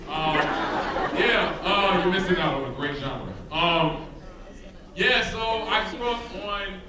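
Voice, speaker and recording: Here the same kind of speaker, a young-adult rapper and guest speaker from the South Side of Chicago, talks slowly in a high-pitched voice. He rambles in a relaxed way to students in a big, roomy hall with a live audience listening. The handheld microphone sounds distant, and the hall's echo mixes with noise from the crowd.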